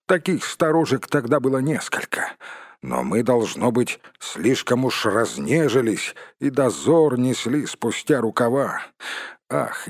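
Storybook elder dwarf, calm and regretful, husky and unhurried, as a male reader voices him. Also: mid-range voice, dry recording, studio quality. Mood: wistful. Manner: measured explaining.

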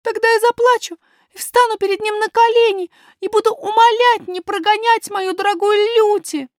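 A woman's voice: very high-pitched, fairly even intonation, moderate pace, dry recording, studio quality, pitched above the performer's own voice. A woman reading a storybook, voicing a young princess girl who is frightened but willful, speaking in an eager, pleading way. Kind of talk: audiobook character voice.

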